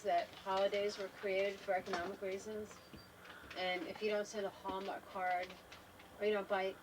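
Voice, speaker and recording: A woman's voice: medium pitch, recorded from a distance, a little hiss or hum, low-quality recording. An older woman in a travel trailer, talking thoughtfully and unhurriedly to a home video camera, often trailing off and restarting her sentences. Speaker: wife in a family home video. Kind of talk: casual reflective talk to camera.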